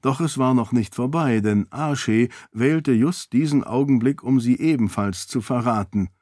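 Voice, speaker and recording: A man reading a novel aloud in a calm, even storytelling manner. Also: medium pitch, unhurried, no room sound, studio quality. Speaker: audiobook narrator. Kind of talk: scripted narration.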